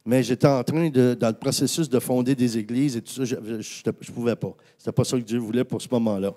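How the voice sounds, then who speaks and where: A man, a pastor with a Québécois accent, telling a personal story in a sermon, animated, with many fillers and restarts. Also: mid-range voice, fairly quick.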